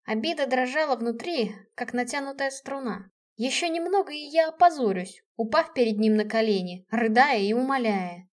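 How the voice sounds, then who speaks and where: A woman's voice: fairly high pitch, moderate pace. Woman reading a novel in first person. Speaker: audiobook narrator.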